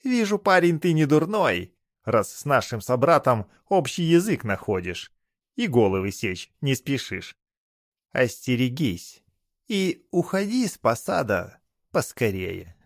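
A man voicing a fat, cackling male bathhouse spirit with a high, teasing, wheedling voice. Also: sing-song, a little slow, no room sound, studio quality. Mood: sly.

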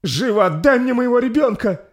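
A man voicing a young princess in labour, with a frantic, strained, high voice. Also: lively intonation, brisk. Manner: frantic high-pitched screaming.

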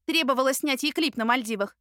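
A woman reading an audiobook, voicing a flustered, sharp-tongued young woman who speaks in agitated, rapid bursts. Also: high voice, no room sound, studio quality, pitched above the performer's own voice. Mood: indignant. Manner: agitated, breathless, rapid complaints.

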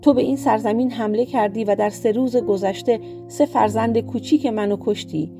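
A woman's voice: fairly high pitch, fairly even intonation, gravelly, over music. A woman voicing a fierce, vengeful old witch who is the mother of giants, cursing and threatening in a storybook reading.

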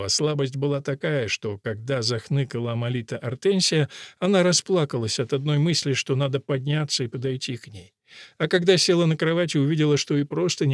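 A man narrating a literary audiobook in a measured, even reading voice. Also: medium pitch, dry recording, studio quality.

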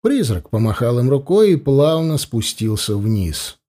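A man's voice: medium pitch, very animated, unhurried, dark tone. A man narrating an adventure audiobook expressively, doing voices for the characters.

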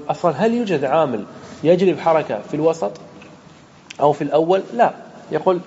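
A man's voice: fairly high pitch, darkish tone, highs cut off, a little hiss or hum. A man, a sheikh, teaching an Arabic grammar lesson to students and explaining each point step by step. He puts questions to the class and then answers them himself. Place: lecture room with students present.

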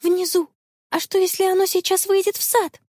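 A woman voicing an eager, excitable young girl in an audiobook story, pleading and breathless. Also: very high-pitched, moderate pace, no echo, clean studio sound, pitched above the performer's own voice.

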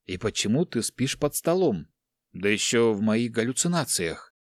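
A man's voice: mid-range voice, big pitch swings, moderate pace, dry recording, studio quality, close to an everyday voice. A man voicing a timid, bookish young monk who speaks in an anxious, prim and defensive way in an audiobook. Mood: bewildered.

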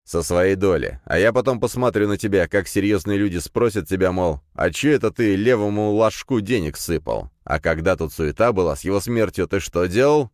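A man playing an unhurried crime boss. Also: deep voice, dry recording, clean studio sound, lightly acted. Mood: calm. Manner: unhurried, worldly, philosophizing. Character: calm middle-aged male crime boss.

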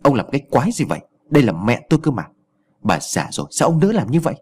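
A man voicing a worn-down young village husband who speaks wearily and stands up to abuse, in a husky voice. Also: lowish voice, big pitch swings, a little fast, darkish tone, heavily acted. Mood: strained. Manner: weary, resentful, defiant.

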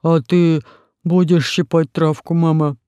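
A reader voicing a dim-witted, sulky male monster with a bull's head in an audiobook, with slow, whiny pleading. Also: mid-range voice, flat delivery, mellow, clear, resonant tone, no room sound, natural voice. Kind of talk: audiobook character voice.

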